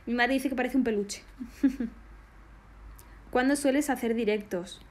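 A woman's voice: on the high side, a little slow. A woman, bubbly and affectionate, casually answering fan questions on a phone live stream. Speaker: singer doing a live stream.

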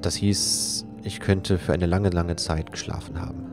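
A man doing a let's play, reading a story aloud as he translates it, haltingly and correcting himself. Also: low voice, steady tone. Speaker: let's player reading and translating a visual novel. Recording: game music faintly behind. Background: faint game soundtrack.

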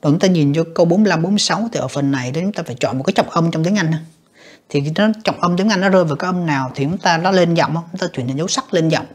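An English teacher goes over exam questions, reading every English option aloud, translating it and judging it while often calling the students "các bạn". The voice is mid-range, very fast and slightly rough.

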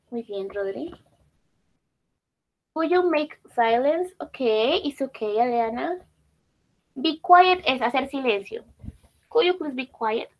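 High, unhurried woman teacher. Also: creaky, slight background noise, rough recording. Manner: patient, repeats and praises student answers. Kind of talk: online class teaching.

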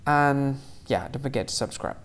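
Gravelly-voiced man hosting a quiz clip. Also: medium pitch, expressive, moderate pace. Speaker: channel host. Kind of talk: scripted explainer and outro.

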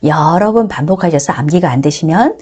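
A middle-aged woman teaching beginner English grammar with a Korean accent, drilling words slowly and coaxing her viewers. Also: deep voice, lively intonation, a little mellow, breathy edge. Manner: addresses viewers often, coaxing and encouraging.

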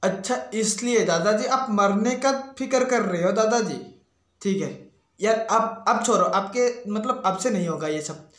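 A young video creator with a fairly high voice, recorded in a roomy, echoey space. He rambles excitably and often crudely, cursing and saying "yaar" again and again. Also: measured pace. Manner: rambling, excitable, swears, says "yaar" constantly. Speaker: YouTube creator. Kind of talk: comic roast video. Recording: echoey room.

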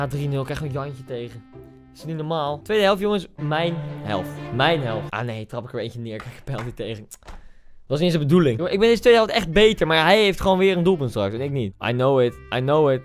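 A man from the Netherlands, a gaming YouTuber, giving casual commentary on his own match, chatty and self-mocking, bursting into loud shouts at big moments. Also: on the high side. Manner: excitable, bursts into loud shouts at goals and misses; chatty and self-mocking, addressing viewers directly.

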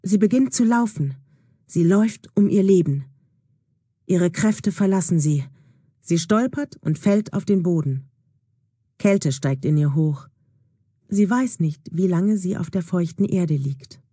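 A woman narrating a storybook for language learners, unhurried and deliberate. Her voice is mellow and slightly husky, recorded close in a dry, dead space. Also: fairly low pitch, animated, no room sound. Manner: slow, clear and deliberate. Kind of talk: scripted narration for German learners.

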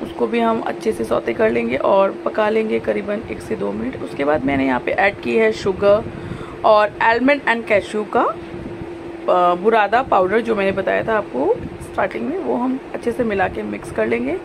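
A young woman with an Indian accent hosts a cooking channel, casually walking through a recipe in a voice-over while mixing Hindi and English. Her voice sits on the high side and sounds gravelly from a cold and sore throat, at a normal speed. It's a home video shot in her kitchen, with noticeable background noise.

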